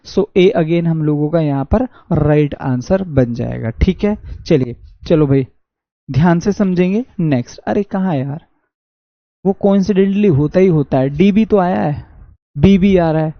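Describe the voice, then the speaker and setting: A man with a Haryanvi accent teaching an online exam-prep English class, reading sentences slowly and answering his own questions. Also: on the high side, no room sound. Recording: dull dry lo-fi audio.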